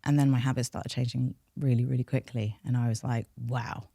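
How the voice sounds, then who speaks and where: With an extremely low, gravelly, dark voice, she speaks at a quick pace and fairly even intonation, recorded dry in clean studio sound. The speaker, a North London woman with a London accent whose native language is Farsi, is a behaviour change specialist appearing as a podcast guest, reflecting candidly on herself.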